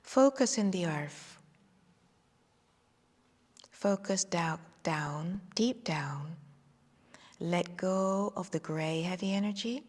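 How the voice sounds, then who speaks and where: A woman leading a guided meditation and qigong session, speaking slowly and soothingly and drifting into soft whispers. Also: lowish voice. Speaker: qigong instructor. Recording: long hall reverb.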